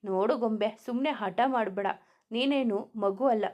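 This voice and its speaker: A woman's voice: a little high, moderate pace, darkish tone, close to an everyday voice. A woman voicing a young man weighed down by guilt, curt and tearful. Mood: irritated. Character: young man, guilt-ridden and short-tempered.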